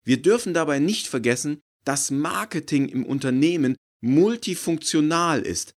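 A man's voice: fairly high pitch, lively intonation, moderate pace, pitched above the performer's own voice. A man reading an audiobook, voicing a long-winded, pedantic male professor. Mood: lecturing.

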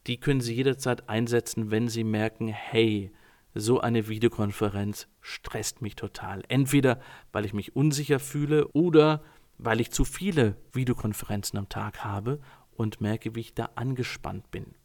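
Calm German-speaking male coach. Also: medium pitch, normal speed. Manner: calm, addresses listeners formally. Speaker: communication coach. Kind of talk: informal talk to listeners.

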